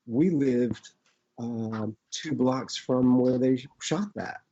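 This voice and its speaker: A middle-aged man with an Arkansas accent, casually reminiscing as an interview guest in a rambling, halting way. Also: mid-range voice, warm tone. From Arkansas, United States. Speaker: actor, podcast guest. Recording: dull, lo-fi audio.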